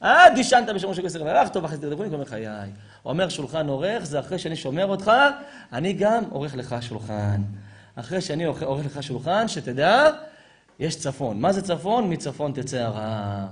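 A man, a rabbi, preaching to a live audience, animated, firing rhetorical questions and answering them himself, sometimes shouting at high points. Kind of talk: lively sermon to a live audience.

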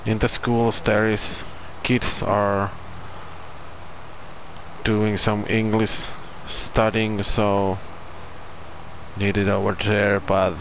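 This gaming channel host from Finland has a fairly low, fairly bright voice and a Finnish accent, speaking English as a non-native. He casually comments on farming gameplay, hunting for words as he goes. The audio is poor, with a little hiss or hum.

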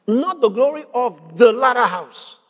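A high-voiced male preacher delivering a sermon with fervent emphasis, repeating phrases and rising into shouts. His voice rings with the long reverb of a large hall. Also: animated, unhurried.

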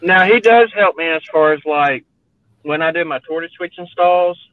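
A man's voice: a little high, normal speed. Man on a tinny call line. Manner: explaining, easygoing. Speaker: model railroad hobbyist. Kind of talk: casual chat. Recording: thin phone-like line.

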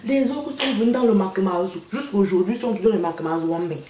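A woman's voice: mid-range voice, quick pace, crowd noise. A woman delivering a sassy, mocking comic rant to the camera, slipping into English and slang. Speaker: comedian vlogger. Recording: echoey room, a bit far from the mic.

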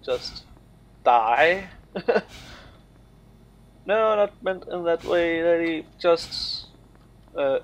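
A man's voice: on the high side, animated, extremely slow, pauses often. A man giving casual, jokey commentary while playing a game, exclaiming and laughing often. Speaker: gamer playing on video. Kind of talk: casual let's play commentary.

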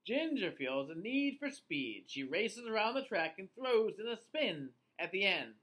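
Animated kids show host, a slow-paced man. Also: high voice. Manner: kids show host, sing-song and exaggerated for young children. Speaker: children's storytime reader. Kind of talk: animated picture-book read-aloud. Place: small indoor room, seated facing the camera.

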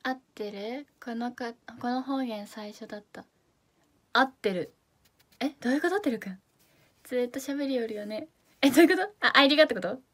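A fairly quick, highish voice belongs to this young idol host from Fukuoka, who chats casually on stream in Hakata dialect. She reads out viewer comments in a bubbly manner, dipping into soft asides.

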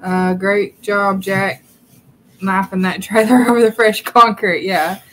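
A woman's voice: medium pitch, fairly even intonation, measured pace, poor audio. A woman from southwest Arkansas with a Southern accent, giggling as she reads viewer comments aloud in casual chat. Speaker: livestream co-host.

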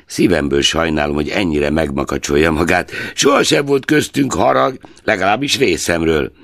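A man's voice: deep voice, gravelly, a bit bright, dry recording. A man voicing a cheerful, persuasive young nephew who pleads earnestly. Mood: pleading.

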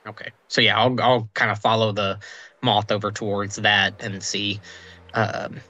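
A man's voice: on the low side, flat delivery, a little slow, bright, forceful tone, lo-fi sound. A man playing a tabletop game, describing his character's actions in a casual, hesitant way. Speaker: player. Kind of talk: tabletop role-play.

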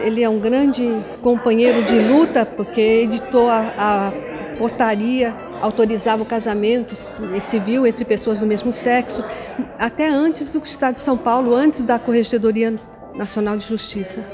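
A woman's voice: on the high side, moderate pace. A woman in her fifties, a commission president, giving an interview on camera in an indoor meeting room into a handheld mic, with many restarts and fillers. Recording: music bed behind the voice.

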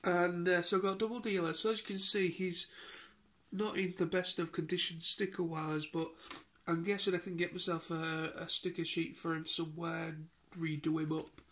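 Sniffling and congested with a cold, a weary British man in his thirties does a casual daily vlog from his living room, phone held at arm's length. His slightly high voice has a flat delivery and fairly bright tone, full of fillers and stop-start rambling.

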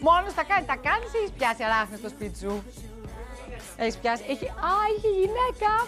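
Young woman, daytime TV host, high bright voice, playful teasing studio banter, soft music under. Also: very animated. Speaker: TV show host. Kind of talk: lively studio chat to camera.

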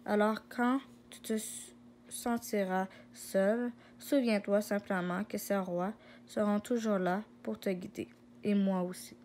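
A woman voicing a wise, fatherly male lion king, slow and gentle. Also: mid-range voice, fairly even intonation, slight background noise, natural voice. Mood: tender.

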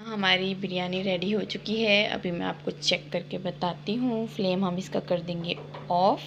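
This cooking vlog features a young woman talking casually to her viewers from her home kitchen, phone held in her hand as she films. She's upbeat and chatty, addressing the audience directly in a mid-range, slightly bright voice with fairly even intonation and normal speed. The sound is muffled, with slight background noise.

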